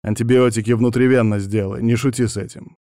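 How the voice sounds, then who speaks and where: A man reading an audiobook, voicing a calm, firm male colleague who speaks in a measured way. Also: mid-range voice, no room sound, studio quality, lightly acted. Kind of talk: audiobook narration.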